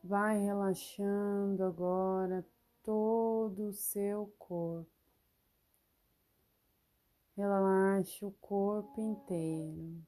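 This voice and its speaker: A woman leading a guided relaxation meditation, giving soothing instructions with long pauses. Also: mid-range voice, fairly even intonation, warm tone.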